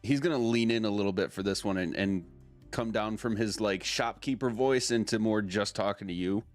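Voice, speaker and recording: A man's voice: fairly low pitch, moderate pace. A man acting as game master, narrating and chatting casually at a tabletop game. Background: faint music.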